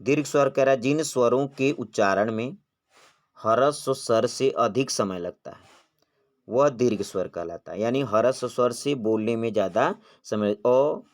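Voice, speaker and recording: A man's voice: medium pitch, normal speed. A man teaching an exam-prep grammar lesson, posing questions and answering them himself, drawing out vowel sounds when he demonstrates them.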